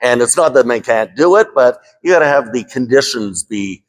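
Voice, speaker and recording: A man's voice: medium pitch, animated, moderate pace. Conversational man explaining a point.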